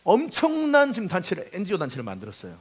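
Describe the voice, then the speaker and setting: Man, pastor, fervent sermon, high-pitched, very lively intonation, calls on the congregation to repeat after him. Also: fast talker, husky. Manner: impassioned preaching, acting out quoted prayers and speech; leads the congregation in call-and-response.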